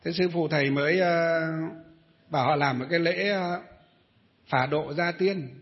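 A middle-aged Buddhist monk tells a long story to his listeners in a high voice. He rambles, pauses on fillers and throws questions at the audience. The recording sounds dull and lo-fi. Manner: rambling storyteller, many hesitations, addresses listeners. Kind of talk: storytelling dharma talk.

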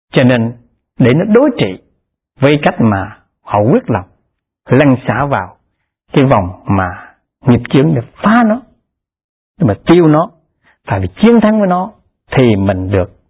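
A man delivers a Pure Land Buddhist dharma talk, husky and unhurried. He keeps a steady, repetitive teaching cadence, his voice lifting to stress key terms. The recording is thin and tinny, like a phone line. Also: mid-range voice.

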